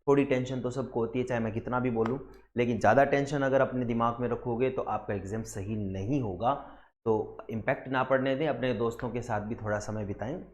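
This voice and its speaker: A man's voice: mid-range voice, a little mellow, reverberant, a little hiss or hum. A man from India, an English teacher, explaining grammar for exam preparation step by step, asking rhetorical questions and mixing English terms into his talk. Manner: mixes Hindi with English terms. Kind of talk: exam-prep grammar lesson.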